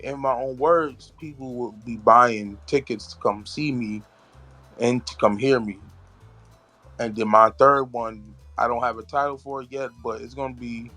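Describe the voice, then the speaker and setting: A man's voice: mid-range voice, fairly bright tone, no room sound. Earnest man guest, dry close sound. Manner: earnest, searching for words, restarts. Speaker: guest, author and poet. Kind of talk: casual interview chat.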